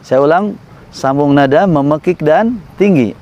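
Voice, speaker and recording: A man teaching Quran recitation melodies, explaining slowly and patiently and chanting sung examples. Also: on the high side, a little mellow, muffled recording. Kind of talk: recitation tutorial.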